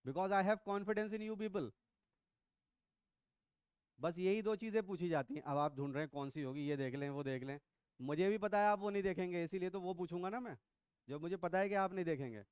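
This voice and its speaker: A man's voice: high voice, moderate pace, pauses often, a little mellow, clean tone, no room sound, clean studio sound. A middle-aged man teaching biology to a class, quizzing and teasing his students as he lectures. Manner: teasing, quizzing students, mixes English into Hindi.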